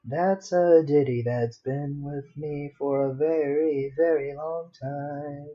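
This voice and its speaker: At home with a dog nearby, a man chats casually on a livestream while drawing, muttering self-deprecatingly as the host. His voice is on the high side, slow and fairly even, and the home stream audio is dull and lo-fi.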